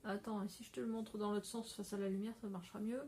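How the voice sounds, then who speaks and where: A woman's voice: medium pitch, level tone, fast, warm tone. A woman hosting a casual craft vlog, chatty and rambling, often breaking into laughter, talking to a phone camera indoors at home. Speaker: craft podcaster.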